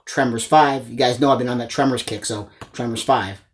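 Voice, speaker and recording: A man in his forties hosts a movie collecting channel, chatting casually to the camera as he shows off a haul in a small indoor room lined with disc shelves. His average-pitched voice keeps a steady tone at a slightly quick pace, with a little background noise. He's enthusiastic and informal, calling his viewers "guys."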